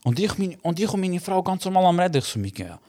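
A man's voice: high-pitched, fast talker. A young man with a Swiss German accent, telling a story in a casual podcast chat and acting out the quoted voices. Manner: animated storyteller, acts out quoted dialogue. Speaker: podcast co-host.

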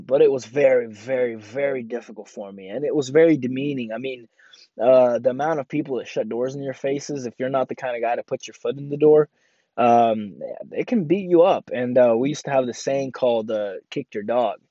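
Young male podcaster born in Ukraine, rambling personal monologue, mellow tone, dry close sound. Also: medium pitch, no echo, highs cut off. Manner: rambling, many fillers and restarts. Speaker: podcast host.

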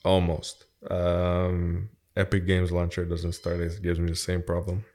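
A man's voice: low-pitched, completely flat delivery, a little slow, darkish tone. A man hosts a casual podcast. He talks like one of the bros, full of slang and loose swearing. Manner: slangy, swearing, bro-like banter. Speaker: podcast host.

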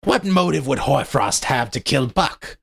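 A man doing a slow, menacing cruel werewolf. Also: medium pitch, animated, creaky, a bit bright, breathy edge, pitched above the performer's own voice, exaggerated voice. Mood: questioning. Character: cruel, knife-toying male werewolf.

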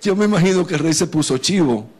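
Animated Dominican preacher, fairly high voice. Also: male voice, fast, slightly rough. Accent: Dominican Spanish. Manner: animated, chatty, addresses listeners by name, many restarts. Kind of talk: informal sermon.

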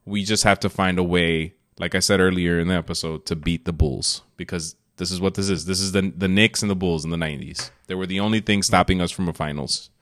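Male podcast co-host, somewhat low voice, opinionated casual sports talk. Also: steady tone, fairly quick, few pauses, fairly bright tone. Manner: opinionated, blunt, swears freely.

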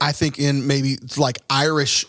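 A man's voice: medium pitch, level tone, measured pace, fairly bright tone. A man hosting a podcast, talking in an easygoing, chatty way with lots of fillers. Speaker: podcast host. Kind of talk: casual chat.

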